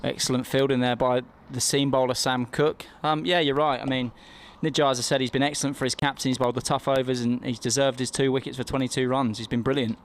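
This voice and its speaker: A man gives live cricket analysis as a former player. His delivery is rapid, with little movement in pitch and a middling register. He is conversational and opinionated, often repeating a phrase to press it home. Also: little pitch movement, slight background noise. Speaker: summariser and former county cricketer.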